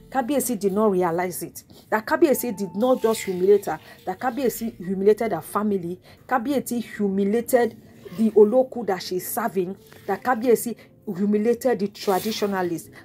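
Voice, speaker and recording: A woman's voice: medium pitch, a little mellow. A woman with a Nigerian accent hosting her own gossip vlog, retelling what others said in an emphatic, dramatic storytelling way with repeated asides and exclamations. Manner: bursts of exclamations and sound effects. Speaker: celebrity gossip vlogger.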